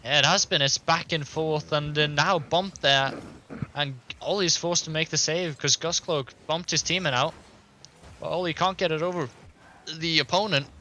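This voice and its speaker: Brief: male caster, bright and keen, fast game calls. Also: on the high side, slight background noise. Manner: quick, excited play-by-play, laughs easily. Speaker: esports caster. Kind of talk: play-by-play commentary.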